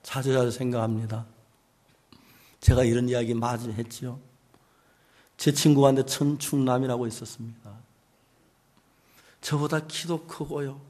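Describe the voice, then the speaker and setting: A middle-aged man preaching a sermon as pastor. He swings from loud emphatic phrases to hushed near-whispers and draws out key words slowly. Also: medium pitch, steady tone.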